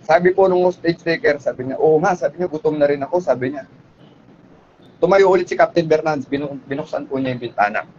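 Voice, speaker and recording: A man with a somewhat high voice tells a story in a polite, conversational manner, often turning to his listeners with quick tag questions. The recording is dull and lo-fi, with a faint hum of background noise. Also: darkish tone. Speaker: speaker retelling a police hostage story.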